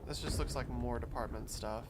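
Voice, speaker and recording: A man's voice: medium pitch, steady tone, moderate pace, very noisy. A man streaming a video game, chatting and thinking aloud as he plays. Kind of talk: casual gameplay commentary.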